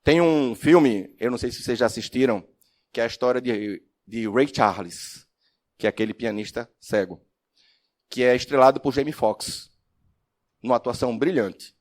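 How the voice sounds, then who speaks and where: A man's voice: mid-range voice, normal speed. A man giving a religious lecture as a spiritist speaker and professor, telling stories expressively and asking the audience questions. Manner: expressive storyteller, asks the audience questions, swings from loud to soft.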